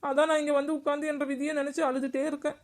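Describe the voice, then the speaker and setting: A woman's voice: high voice, flat delivery, rapid-fire, close to an everyday voice. A woman voicing a chatty, emotional young village daughter-in-law in a cartoon. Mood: complaining. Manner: plaintive and chatty, complaining. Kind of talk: cartoon voice acting.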